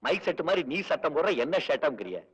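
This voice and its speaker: An actor playing a cocky, quick-witted man who mocks a villain with sarcastic wordplay, in old film dialogue. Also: on the high side, big pitch swings, breathy edge, distant mic, muffled recording, heavily acted. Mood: mocking. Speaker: film hero. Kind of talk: 1970s Tamil film dialogue.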